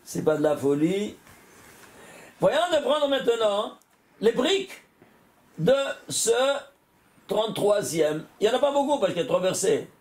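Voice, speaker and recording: A man's voice: high-pitched, very animated, unhurried, pauses often, a little mellow. A rabbi giving a Torah lesson to a class, working through sums aloud and quizzing his listeners with rhetorical questions.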